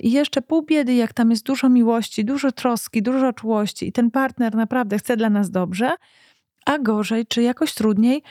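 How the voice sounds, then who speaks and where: Woman, mellow dry voice, calm reflective educational speaker who questions her listeners. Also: fairly high pitch, no room sound. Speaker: psychology speaker.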